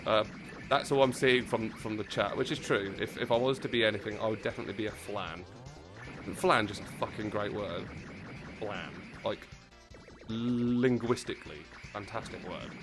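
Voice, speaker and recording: A man streaming a video game, chatting casually and excitably, rambling and swearing as he plays. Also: lowish voice. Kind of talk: casual livestream commentary while playing. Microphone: close desk mic. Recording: game music playing behind.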